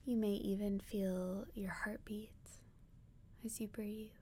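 A woman's soft, breathy near-whisper carries a gentle guided meditation reminiscent of a sleep story, broken by long pauses. Her mid-range voice shows little pitch movement, and a little hiss or hum sits underneath.

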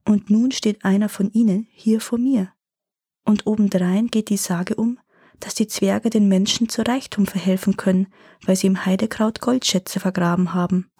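A woman voicing a greedy, eager young peasant lad in a storybook fairy tale, exclaiming excitedly. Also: medium pitch, moderate pace, husky, dry recording, studio quality. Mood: whispered wonder.

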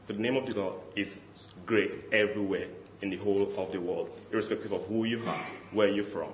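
A man's voice: fairly low pitch, brisk. A man giving a short personal remark on scripture as a Bible reader. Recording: echoey room with faint background noise.

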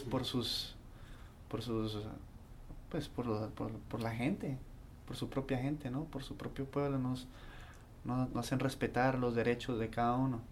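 Casting: man, mid-pitched, halting and searching for words, faint background noise. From Colombia. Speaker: band member. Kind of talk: casual conversation.

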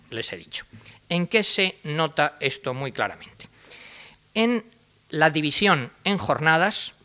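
Bright-voiced male lecturer. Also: a little high. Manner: explanatory, addresses the audience directly. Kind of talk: academic lecture.

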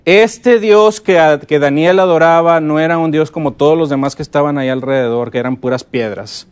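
Lively man teaching. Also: on the high side, fast talker, clear, resonant tone. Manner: lively, asks the audience frequent check-in questions. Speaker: conference speaker teaching. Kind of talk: conference lecture on teaching Bible stories.

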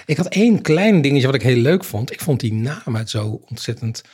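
A man with a husky, slightly breathy voice at an ordinary pitch leads a casual conversation about a book. He talks in a thoughtful way and often pauses to retell parts of the plot in detail. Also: sing-song, darkish tone.

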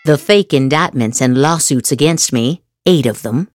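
With a very deep voice at a moderate pace, a woman host gives an emphatic, theatrical reading of social media posts, elongating her words. Music runs in the background.

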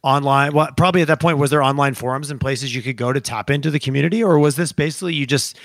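A man's voice: mid-range voice, fast, no room sound, studio quality. A man hosting a casual interview, chatty and laughing often, asking long rambling questions. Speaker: host.

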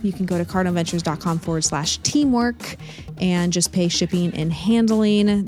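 A middle-aged woman speaks as a podcast guest, laying out business advice with brisk confidence. Her voice sits a little low for a woman, and faint music plays beneath the talk. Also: a little mellow. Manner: confident, brisk, practical explaining. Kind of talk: casual interview talk.

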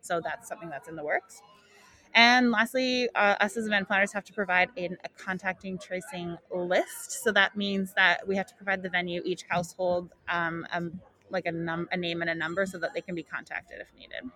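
A woman's voice: fairly low pitch, fairly even intonation, normal speed, pushed and bright. Woman podcasting casually through a face mask. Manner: informal, giggly, breaks off mid-thought. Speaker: podcast host and wedding planner. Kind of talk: casual live talk to listeners. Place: at a wedding show venue.

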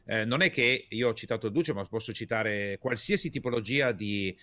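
A man coaching in a podcast conversation, emphatic and energetic, stressing key words by repeating them and asking rhetorical questions. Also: on the low side, moderate pace, no echo. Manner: gestures while speaking, energetic. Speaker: communication coach, podcast guest.

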